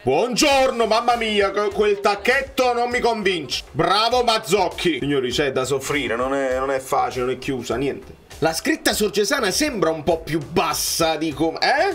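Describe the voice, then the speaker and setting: A high-voiced young man reacts to a football match as it plays, his tone leaping wildly from low mutters to sudden shouts. Soft music runs faintly underneath. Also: animated, moderate pace, few pauses.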